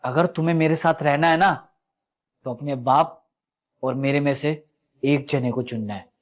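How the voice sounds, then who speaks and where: A man's voice: fairly high pitch, moderate pace, natural voice. An actor playing a domineering young husband who talks harshly and hurls insults at his wife and her father. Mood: angry.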